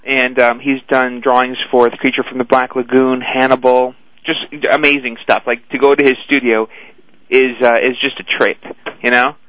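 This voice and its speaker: A man's voice: mid-range voice, level tone, moderate pace, fairly bright tone, dry recording. A man with a Boston accent, a talent agency guest on a radio interview, talking with enthusiasm and rambling fillers. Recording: dull lo-fi radio audio.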